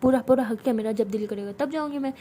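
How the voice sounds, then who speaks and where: A woman's voice: on the high side, fast, dark tone, a little hiss or hum, close to an everyday voice. A woman voicing a dramatic young college woman who plays the senior, complaining in an indignant, theatrical way. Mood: bickering.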